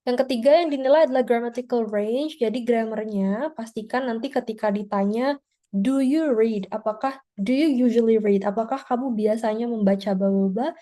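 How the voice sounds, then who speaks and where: A woman teaches an online speaking-test class over a video call. Her voice sits a little high with a warm, mellow tone. She explains step by step in a relaxed, chatty way, tagging her points with small filler words. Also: moderate pace. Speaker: IELTS teacher.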